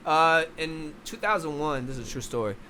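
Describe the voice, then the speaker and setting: A man's voice: a little high, normal speed, pushed and bright, slight background noise. A young man from Philadelphia, a boxing coach guest in a casual podcast interview, rambling with many restarts.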